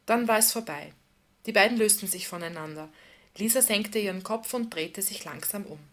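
Woman narrating a novel calmly. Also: mid-range voice, moderate pace. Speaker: audiobook narrator. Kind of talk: scripted narration.

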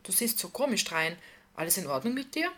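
A woman reading the part of a caring adult woman, speaking softly and asking gentle questions. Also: mid-range voice, very animated, a little fast. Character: tender, attentive adult woman friend.

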